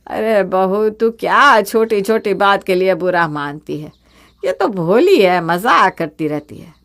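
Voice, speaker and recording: A woman voicing a bossy, scolding middle-aged mother-in-law in an animated story, talking loud and commanding. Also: medium pitch, unhurried, voice pushed down.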